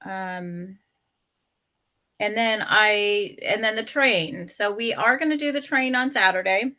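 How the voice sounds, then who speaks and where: Bright-voiced woman on a video call. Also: medium pitch, slow pace. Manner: relaxed, loose with fillers. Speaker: event co-organizer. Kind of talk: casual video call meeting.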